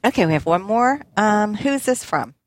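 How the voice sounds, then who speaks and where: A woman's voice: mid-range voice, expressive, normal speed. A woman co-hosting a podcast, breezy and chatty, reading voicemails and plugging the website. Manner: breezy, with many okays and anyways. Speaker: podcast co-host. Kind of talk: casual chat, reading out voicemails and plugs.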